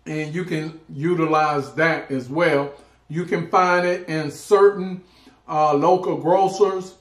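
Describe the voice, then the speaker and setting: A man hosting a casual eating vlog, chatting informally and pausing often mid-thought. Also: fairly high pitch, fairly even intonation. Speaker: food vlog host. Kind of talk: casual mukbang chat while eating. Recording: roomy, echoing indoor sound.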